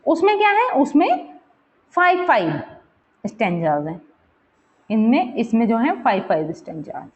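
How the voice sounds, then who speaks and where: A woman's voice: a little high, very animated, measured pace, pauses often, dull audio. A woman teacher explaining a poem for exam preparation, mixing English terms into her talk and checking in often with her students. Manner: counts and repeats words aloud while pointing to the text. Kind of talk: exam-prep literature lesson.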